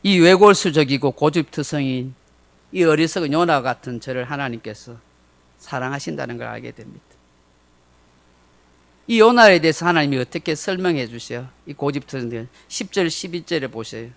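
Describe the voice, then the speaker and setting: Pastor, middle-aged guy, sunday sermon, high voice, really expressive storytelling. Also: normal speed. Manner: emotive, dramatic storytelling with acted quotes.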